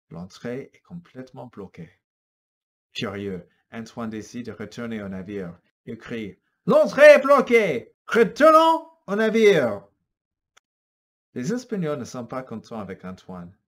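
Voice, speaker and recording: Male narrator for a learner storybook: slow, deliberate, clear, lively pitch.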